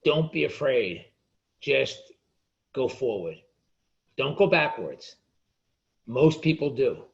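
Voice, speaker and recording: Male author guest, gravelly voice, passionate rant, slightly muffled audio. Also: mid-range voice, sing-song, takes it slowly. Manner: passionate, ranting, repeats words. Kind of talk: casual interview chat.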